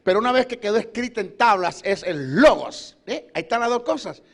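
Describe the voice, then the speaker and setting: Middle-aged male preacher, high voice, emphatic, repeats phrases in exhortation. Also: lively intonation, a little fast, gravelly. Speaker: preacher and Bible teacher. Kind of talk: sermon teaching.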